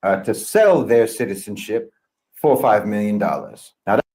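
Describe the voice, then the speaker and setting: A man's voice: on the low side, animated, normal speed, a little mellow. Male pundit, dry sarcastic take, voice swinging up and down. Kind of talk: sardonic commentary.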